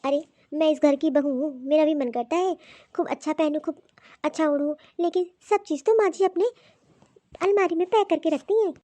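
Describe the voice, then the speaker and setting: A woman's voice: high-pitched, normal speed, warm tone, dry recording, natural voice. Woman doing a meek, pleading young daughter-in-law. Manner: pleading and complaining. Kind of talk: cartoon voice acting.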